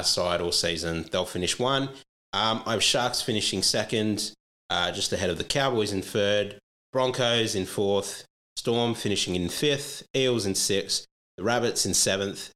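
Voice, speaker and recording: A man's voice: lowish voice, bright, forceful tone. An Australian man, a podcast guest giving casual sports analysis in conversation.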